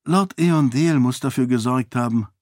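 A man voicing a sharp-witted young royal woman in an audiobook, lifting his voice and talking with quick self-assurance. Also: mid-range voice, no echo, clean studio sound, voice pushed up, close to an everyday voice. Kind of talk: audiobook character voice.

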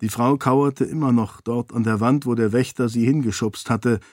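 Audiobook narrator: a man with a mid-pitched voice who reads steadily and evenly, recorded dry. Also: fairly even intonation, moderate pace, darkish tone, no echo. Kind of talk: scripted narration.

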